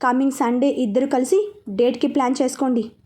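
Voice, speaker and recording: Woman as a kind lady boss, friendly, gently commanding, high voice. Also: fairly even intonation, brisk, lightly acted.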